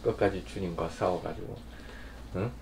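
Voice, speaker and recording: A male pastor delivers a sermon conversationally, frequently prompting his listeners and swinging from loud bursts to quiet asides. His voice is deep with some vocal fry, his pace is moderate, and the background is noisy.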